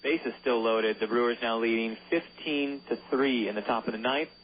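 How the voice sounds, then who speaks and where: A man calls a minor-league baseball game for local radio, relaxed and joking, sometimes tripping over player names. His voice sits in a middle register. It comes through a narrow, phone-like channel with a faint hiss underneath. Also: medium pitch, normal speed. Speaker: play-by-play announcer. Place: ballpark broadcast booth.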